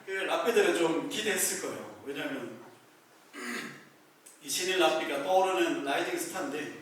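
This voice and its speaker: A male pastor giving a conversational sermon, telling the story in a lively way and acting out the scenes. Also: fairly high pitch, moderate pace. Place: small church room. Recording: very echoey room, mic far off.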